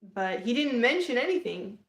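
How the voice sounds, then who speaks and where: A woman's voice: a little high, big pitch swings, normal speed. A young woman casually telling a personal story on a livestream, rambling with lots of fillers and restarts. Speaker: vlogger. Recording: echoey room.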